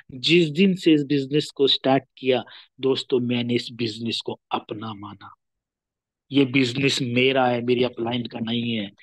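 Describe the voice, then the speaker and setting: A man with an Indian accent giving a rousing motivational training talk to his team. His voice swings from loud, emphatic peaks down to soft trailing phrase endings. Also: mid-range voice, dry recording, poor audio. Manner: rousing, repeats "my dear friend" and "dosto" often; drops to near-murmur at phrase ends.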